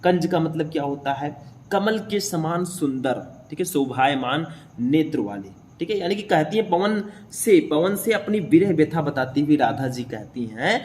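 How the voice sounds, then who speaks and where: A man's voice: a little high, animated, measured pace, darkish tone, a little hiss or hum. A young man teaching a class, explaining a poem line by line and often checking in with his listeners.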